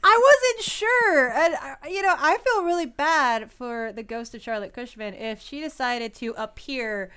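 A woman in her thirties co-hosts a podcast in a smooth, clear voice set a little high. She talks casually and giggles easily, and her sentences are full of "like" and restarts. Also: moderate pace, hardly any pauses, a bit bright. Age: 30s. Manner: chatty, giggly, lots of "like" and restarts. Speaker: podcast co-host. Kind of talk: casual chat.

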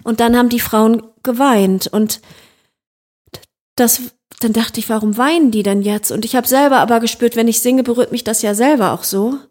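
This is reflective interview talk from a woman musician from Germany discussing her work. Her voice is a little high and a little mellow, and her pace is moderate. She pauses to search for words, frequently filling gaps and restarting her sentences.

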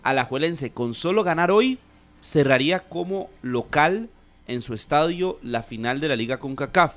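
A man on a sports talk panel who explains details and calms others down. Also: on the high side, normal speed. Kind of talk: sports talk show discussion.

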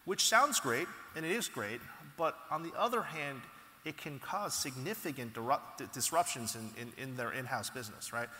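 A man being interviewed as a company founder, telling stories in an animated, casual way with frequent restarts. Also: medium pitch, normal speed. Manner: animated storytelling, frequent restarts and "you know". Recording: echoey hall with long reverb.

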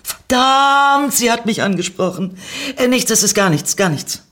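A woman voicing a flustered young woman who stammers, in a husky voice. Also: fairly low pitch, animated, a little fast, pitched above the performer's own voice. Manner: stuttering, flustered.

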